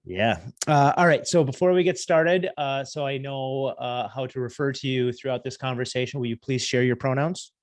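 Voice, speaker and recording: A man with a mid-range voice hosts a podcast interview. He is friendly and halting, often stopping on fillers. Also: mid-range voice. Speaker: podcast host. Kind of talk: casual interview chat.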